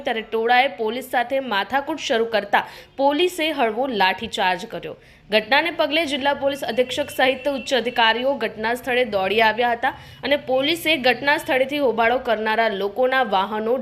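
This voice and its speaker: A woman with a Gujarati accent reading a regional news bulletin in a formal, even newsreader style. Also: fairly high pitch, fairly quick. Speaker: news reader.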